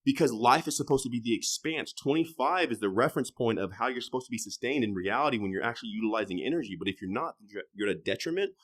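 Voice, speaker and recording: A man in his thirties guests on a podcast, speaking quickly with few pauses in an animated, mid-range voice. His casual talk is loose and full of swearing, shifting from loud emphatic bursts to quiet trailing asides.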